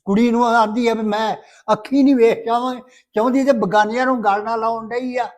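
A man's voice: extremely high pitch, flat delivery, fairly quick. A man playing an older grandfather who talks in curt, grumbling remarks, in an amateur family drama. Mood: gruff. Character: older grandfather, gruff and dismissive.

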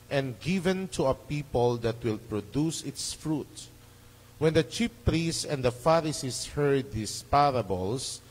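Cathedral echo, long reverb, male priest, slow measured pace, solemn Gospel reading, formal delivery. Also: medium pitch. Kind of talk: solemn liturgical scripture reading. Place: large church during Mass. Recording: echoing church hall, long reverb.

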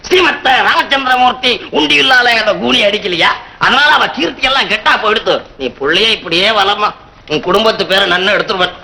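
A boastful priest astrologer who rambles on with sing-song swagger. The tone is piercing and high, carrying a Tamil Brahmin lilt. It sounds like an older Tamil film comedy scene. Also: male voice, brisk, vocal fry, bright, forceful tone, exaggerated voice, poor audio. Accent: Tamil Brahmin dialect. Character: boastful fast-talking Brahmin priest astrologer, middle-aged man.

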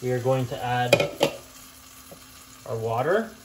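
Heavy background noise surrounds a relaxed young cooking channel host as he slowly teaches a home recipe step by step at his kitchen stove. He speaks at medium pitch in a plain, easy manner, frequently saying "uh" and "um" and making small self-corrections.

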